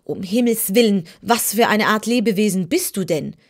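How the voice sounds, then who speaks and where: A woman's voice: mid-range voice, animated, a little slow. A woman voicing a proud, boastful male cab horse who lectures in a pompous way, in a storybook reading. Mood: indignant.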